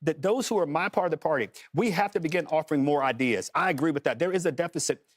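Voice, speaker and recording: Fast-talking man arguing on a panel. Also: a little high, no echo. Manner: rapid, restarting argument, piling up examples. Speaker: panel co-host. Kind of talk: political panel debate. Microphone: studio mic.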